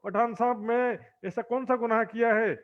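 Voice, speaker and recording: Man as a cowering man pleading for mercy, very high voice, dull lo-fi sound. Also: fairly even intonation, normal speed. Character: frightened groveling man begging for mercy.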